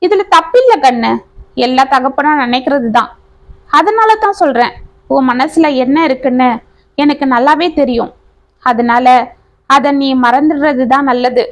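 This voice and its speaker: An honest, proud old village uncle, as a woman reads him speaks with earnest, measured weight. The voice sits high and light in this storybook reading.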